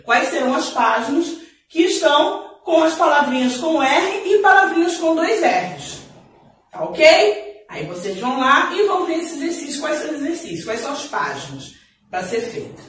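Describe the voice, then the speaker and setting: High, lively Brazilian teacher in an echoey room. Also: female voice, distant mic. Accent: Brazilian Portuguese. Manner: slow, drawn-out spelling and word demonstrations, warm teacherly asides. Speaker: primary school Portuguese teacher. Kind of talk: remote lesson for young children.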